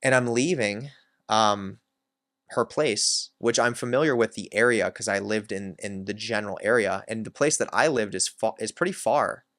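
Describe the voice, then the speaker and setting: A man's voice: fairly low pitch, moderate pace, a bit bright, no room sound, clean studio sound. A man hosting his own channel, candidly telling a personal story in a reflective way, with many filler words. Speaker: self-help channel host.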